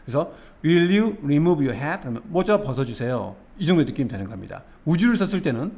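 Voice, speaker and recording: Lively Korean English teacher, expressive. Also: male voice, on the high side, a little fast. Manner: patient, step-by-step, asks the viewer questions. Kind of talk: explaining English expressions from film scenes.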